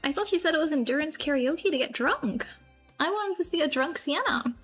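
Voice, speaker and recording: A woman's voice: high voice, animated, a little fast, a bit bright, faint music behind. A woman streaming a casual chat with viewers, playful and giggly, often slipping into silly voices. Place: grandmother's house.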